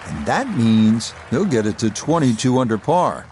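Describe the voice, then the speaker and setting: Animated male golf commentator, acted by a man. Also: medium pitch, normal speed, a faint crowd, slight background noise, close to an everyday voice. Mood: composed, approving. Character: male TV golf play-by-play announcer. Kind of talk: golf broadcast commentary in a video game.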